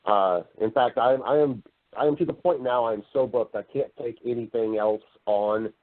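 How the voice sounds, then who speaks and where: A voice-over artist and actor appears as an interview guest, chatting casually in a medium-pitched voice at a moderate pace. He's talkative and explains things at length through anecdotes, heard over a narrow, lo-fi, phone-like line.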